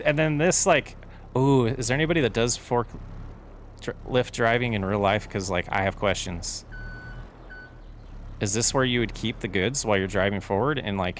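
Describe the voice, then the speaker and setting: A man with a fairly low, fairly bright voice streams a farming game and chats casually with his audience. He rambles as he answers chat questions, while faint vehicle noise from the game is audible behind him.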